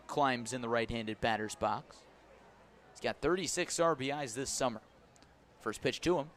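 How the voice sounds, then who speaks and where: Over the noisy sounds of an outdoor ballpark, a radio play-by-play man describes the baseball action live. His medium-pitched, fairly bright voice comes in clipped phrases that climb as the play heats up.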